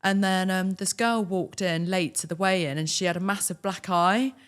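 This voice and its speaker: A woman's voice: lowish voice, moderate pace, clean tone. A young woman, a podcast guest telling casual stories with quoted dialogue and frequent laughs. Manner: lively, laughs often, acts out quoted dialogue. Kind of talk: casual storytelling.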